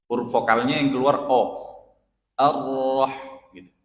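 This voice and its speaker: A male ustadz teaching Quran recitation in a mosque study session, patiently correcting pronunciation and chanting Arabic phrases slowly. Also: mid-range voice, fairly bright tone. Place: mosque hall. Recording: echoey mosque hall, roomy reverb.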